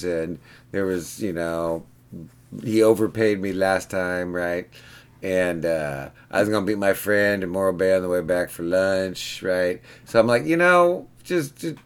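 Casual male vlogger, very low pitch, rambling storyteller, pinball repair guy. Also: unhurried, clear, resonant tone. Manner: rambling, chatty, keeps asking "right?".

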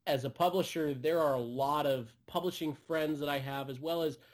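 A man's voice: fairly high pitch, steady tone, moderate pace. A man from a game publisher guesting on a podcast, talking earnestly in casual chat with fillers.

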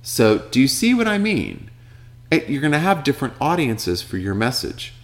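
A man's voice: medium pitch, wildly swooping pitch, normal speed. Guy explaining social media copywriting, chatty, lots of "see what i mean", voice bounces up and down a lot. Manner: conversational, asks the listener rhetorical questions. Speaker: social media marketing instructor. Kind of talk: casual instructional talk.

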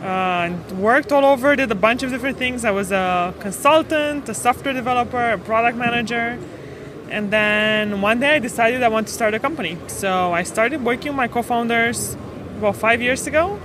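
A woman's voice: on the high side, moderate pace. A woman in her thirties from Romania, a startup co-founder explaining her work in a matter-of-fact way as a podcast guest. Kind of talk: podcast interview. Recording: noisy street ambience behind.

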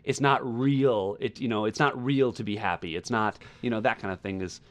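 A podcast co-host gives a casual, conversational review of a music album, searching for words and repeating phrases as he goes. His voice is on the low side and his pace moderate.

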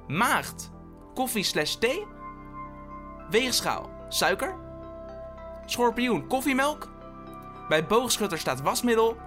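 A worn-out man hosts his own comedic podcast alone at a podcast mic, his high-pitched voice bright and forceful. He wanders from point to point, breaks off into stammered restarts, and swears often.

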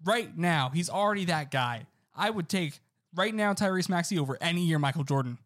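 A young man co-hosting a casual sports podcast, excitable and leaning on "like" as he talks. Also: on the high side, brisk. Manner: excitable, fills talk with "like". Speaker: podcast co-host.

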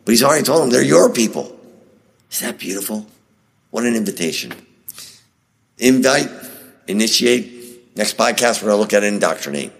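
A man's voice: on the low side, lively intonation, fairly quick, gravelly, pauses often, a bit bright, in a large hall. A man hosting a teaching podcast, talking conversationally, reading scripture aloud and asking rhetorical questions. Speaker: podcast host.

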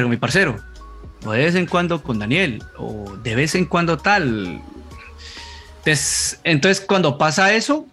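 Bright-voiced Colombian man, rambling casual chat. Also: fairly high pitch. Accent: Colombian Spanish. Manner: rambling, swears freely.

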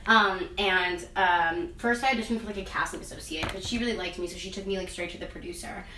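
A young woman interviewee, known as a singer and actress, talks quickly in a medium-pitched voice, rambling casually and using "like" and "um" a lot. Background noise is present, and the distant mic captures an echoey room with faint ambience.

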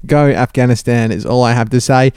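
A man's voice: mid-range voice, fairly even intonation, brisk, a little mellow, clean tone, dry recording, studio quality. A male podcast host chatting casually, upbeat as he thanks guests and wraps up segments.

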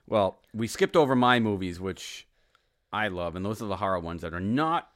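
A middle-aged man with a very low, deep voice hosts a casual podcast chat. He rambles in a fatherly way, teasing his child between topics. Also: animated, moderate pace, a bit bright. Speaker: podcast host.

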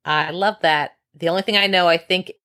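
A woman's voice: lowish voice, steady tone, brisk, bright, forceful tone. A young woman co-hosting a podcast, chatting playfully and swearing freely. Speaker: podcast co-host. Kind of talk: casual chat.

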